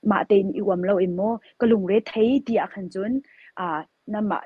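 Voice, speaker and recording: A woman pharmacist giving interview answers in a measured, explanatory way, pausing often with fillers. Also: mid-range voice, darkish tone, husky, no echo. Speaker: pharmacist guest.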